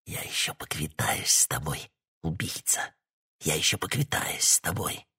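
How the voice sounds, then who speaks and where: A man reading an audiobook, voicing a crazed, vengeful older male colonel who hisses and bursts into shouts. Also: on the low side, expressive, measured pace, breathy edge, full character voice. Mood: muttered threat. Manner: hissing, then bursting into shouts.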